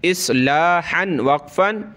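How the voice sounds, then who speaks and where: A man teaching Quran reading, spelling each syllable by its letters and vowel marks, then reciting the word slowly, with brisk explanations in between. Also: a little high, lively intonation, pushed and bright. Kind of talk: step-by-step Quran reading lesson.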